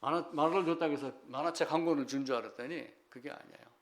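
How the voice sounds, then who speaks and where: A male pastor preaching a sermon in a lively, animated way, acting out people crying out to God. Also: on the high side, fast.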